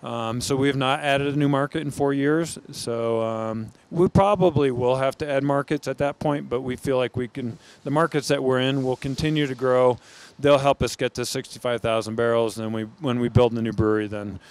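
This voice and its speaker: Middle-aged american guy talking into a handheld mic on a brewery floor, smooth clear voice, restarts a lot. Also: mid-range voice, fairly even intonation, normal speed, few pauses. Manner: thoughtful, with frequent restarts. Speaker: brewery founder. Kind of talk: on-camera interview. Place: large brewery floor among steel tanks.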